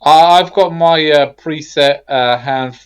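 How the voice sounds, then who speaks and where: A man's voice: fairly high pitch, a little slow, smooth. A man playing in a tabletop role-playing game, talking casually and a little hesitantly. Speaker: player.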